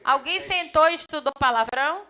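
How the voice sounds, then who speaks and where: A grammar teacher with a high-pitched voice gives a lively live lecture for a civil service exam course, speaking at normal speed. She chats with her students, acts out little dialogues, and often points things out with "ó."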